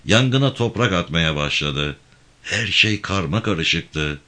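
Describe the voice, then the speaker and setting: Low-voiced man reading a novel aloud. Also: slow pace. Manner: expressive, raises voice for characters' lines. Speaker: audiobook reader. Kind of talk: read-aloud novel narration.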